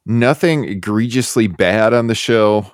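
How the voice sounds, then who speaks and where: A man's voice: lowish voice, measured pace, dry recording, studio quality. A man from the Chicago area hosting a podcast, chatting in an easygoing, self-deprecating way. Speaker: podcast host. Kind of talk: casual podcast review chat.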